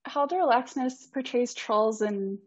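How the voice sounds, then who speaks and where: Her voice is a little high and slightly rough, and she takes a slow pace: a student in her twenties giving an academic conference talk via video call, earnest, polite, and prone to ums. Icelandic is not her first language. The computer-mic audio is dry and a touch dull, with no room sound.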